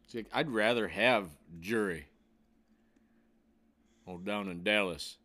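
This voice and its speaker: A man in his thirties trading casual sports talk, blunt and profane, given to heated rants. His voice sits a bit low. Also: slow, pushed and bright. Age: 30s.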